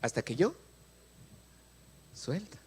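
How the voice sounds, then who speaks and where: Mexican male pastor, middle-aged, sermon voice sitting high, big swinging pitch, plays out little dialogues. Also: slow pace, husky. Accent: Mexican Spanish. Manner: animated, acts out prayers and dialogues, asks the congregation questions. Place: church.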